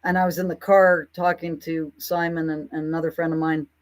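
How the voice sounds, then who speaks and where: A woman's voice: low voice, flat delivery, brisk. A woman talking casually to her audience in an indignant, rambling monologue, often breaking into mocking asides. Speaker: commentator.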